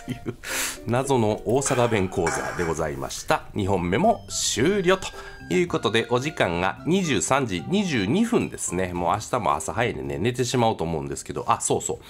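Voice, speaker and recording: A man's voice: fairly low pitch, very animated, normal speed, soft background music. A man with a Kansai accent narrating his travel vlog in a jokey way, mixing formal phrasing with dialect. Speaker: travel vlogger.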